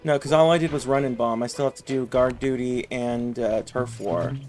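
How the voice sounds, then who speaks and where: A man's voice: mid-range voice, steady tone, moderate pace, darkish tone, soft background music. A man chatting casually and rambling while streaming a video game. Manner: rambling, laid-back. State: rough voice warming up. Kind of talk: casual chat over gameplay.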